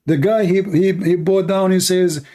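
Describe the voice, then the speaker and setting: Hosting a call-in debate, a man with an Arabic accent questions callers persistently and tells lively stories. He has a high voice with a dark, steady tone, and he speaks at a measured pace.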